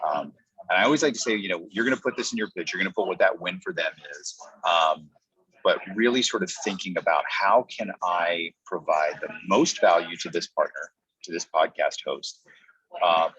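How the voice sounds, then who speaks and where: A male podcast coach gives a conversational training talk, explaining step by step and acting out example pitches in quotes. His voice is a bit bright with a breathy edge, recorded dry, and the audio is dull, muffled and lo-fi.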